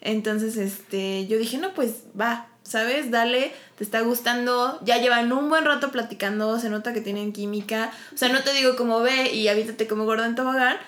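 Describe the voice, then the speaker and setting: Woman, fairly high voice, playful co-host, roomy echo. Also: fairly bright tone. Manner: playful, quick to laugh. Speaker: podcast co-host. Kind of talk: casual chat.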